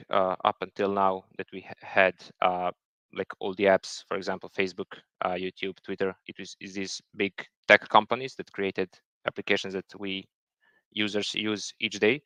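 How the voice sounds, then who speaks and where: A man's voice: sits low, level tone, moderate pace, gravelly, a bit bright, no room sound. A man giving a technical talk, hesitant and full of fillers and repeated words. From Serbia. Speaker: software engineer presenting a talk. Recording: dull lo-fi sound.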